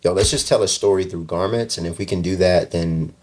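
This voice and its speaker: Deep-voiced man telling stories, full of fillers. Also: brisk. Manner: relaxed storytelling, many "like" fillers, laughs often. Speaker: fashion designer guest. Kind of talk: casual interview chat.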